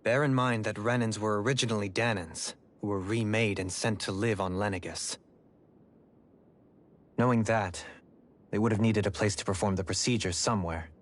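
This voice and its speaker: A man voicing a composed, analytical swordsman with measured, formal speech in an anime-style fantasy game. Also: lowish voice, steady tone, lightly acted. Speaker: video game party character.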